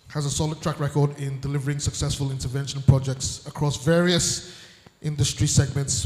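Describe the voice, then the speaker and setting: A man moderating a conference panel, reading the panelists' bios aloud in a measured way with dry asides. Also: fairly high pitch, a little mellow. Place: large conference hall. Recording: echoey hall with long reverb.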